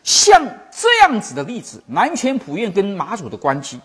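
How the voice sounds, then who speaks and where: A Buddhist teacher giving a teaching talk, telling old stories, acting out the masters' words, and slowly repeating and explaining key phrases. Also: medium pitch, huge pitch swings, breathy edge. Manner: storytelling, acting out quoted masters.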